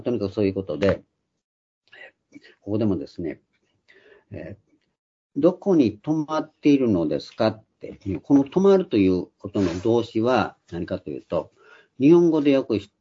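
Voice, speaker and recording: A man's voice: fairly low pitch, mellow, husky. An older man giving a Bible study lecture, explaining patiently with frequent hesitant fillers, in a dull lo-fi recording. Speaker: Bible teacher.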